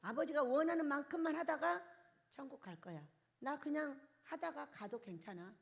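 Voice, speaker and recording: An older woman pastor preaching a charismatic sermon, asking the congregation questions and swinging from loud bursts to soft, quiet lines. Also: sits high, animated, normal speed, creaky. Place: church hall.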